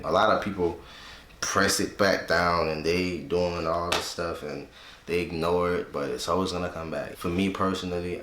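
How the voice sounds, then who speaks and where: A man in his twenties with a low, slightly bright voice vlogs casually from a room he uses as a home studio, the sound reverberant. He talks loosely and reflectively, often capping his points with "right?".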